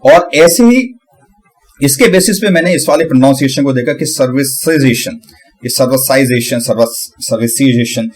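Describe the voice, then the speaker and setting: A man giving a casual tutorial on pronunciation, breaking hard words into syllables and repeating them slowly. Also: mid-range voice, steady tone. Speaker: channel host.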